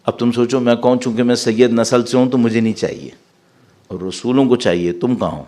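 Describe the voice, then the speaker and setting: A man giving a sermon as a cleric, explaining verses and asking his listeners rhetorical questions. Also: medium pitch. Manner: lively, rising sharply when reciting Arabic verses; asks the audience rhetorical questions. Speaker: Shia cleric.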